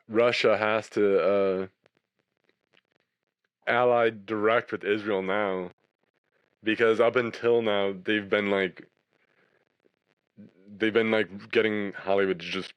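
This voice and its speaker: A man giving a rambling political monologue, halting with many fillers and restarts and scoffing little laughs. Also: lowish voice, clear, resonant tone, dry recording. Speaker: political commentator.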